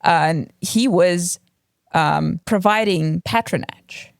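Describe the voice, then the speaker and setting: A Russian woman with a Russian accent co-hosts a casual book podcast from a home room with a cat, speaking hesitantly with lots of ums and restarts. Her voice is on the low side, slow and creaky, captured with clean studio sound and no room noise.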